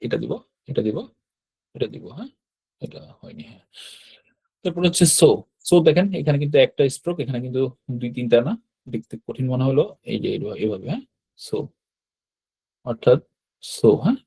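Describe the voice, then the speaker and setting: Patient man teaching with a mellow, husky voice. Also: medium pitch, quick pace, pauses often. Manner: patient, repeats steps, frequent "hyaan" checks. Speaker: Japanese language teacher. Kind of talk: step-by-step online lesson. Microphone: computer mic while drawing with a mouse.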